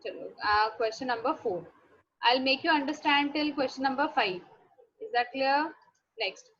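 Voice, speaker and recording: A woman's voice: sits high, normal speed, fairly bright tone. A woman with a North Indian accent teaching maths in an online class, instructive and often checking that students follow. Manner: instructive, frequently checking understanding with questions. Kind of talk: online class lesson, mixing Hindi and English. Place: live online class call. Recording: dull lo-fi online class audio.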